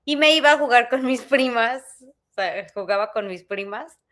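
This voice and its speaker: An animated woman tells a family anecdote on a podcast, her voice sitting a little high. She laughs often and slips into mimicking other people mid-story. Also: moderate pace. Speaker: podcast co-host. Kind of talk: casual storytelling chat.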